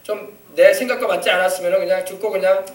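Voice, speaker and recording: Pastor addressing kids, lively and questioning; man with very high voice, far from mic. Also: fast. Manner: animated, coaxing, asks the children questions. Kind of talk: children's sermon. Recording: echoey church from far off.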